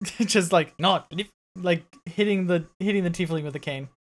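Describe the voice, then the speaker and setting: Laughing, easygoing game master. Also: male voice, high-pitched, normal speed, a little hiss or hum. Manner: laughing, relaxed, rambling. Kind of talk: casual chat running a tabletop game.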